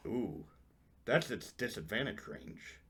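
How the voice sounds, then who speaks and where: A man's voice: fairly low pitch, sing-song, takes it slowly, a bit bright, slightly rough. A man running a tabletop game as game master, counting out distances and giving rulings aloud.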